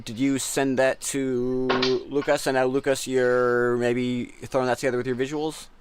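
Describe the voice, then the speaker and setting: A man's voice: medium pitch, flat delivery, moderate pace, noisy background. A man hosting a live art battle stream over a video call, chatting casually in an upbeat, rambling way.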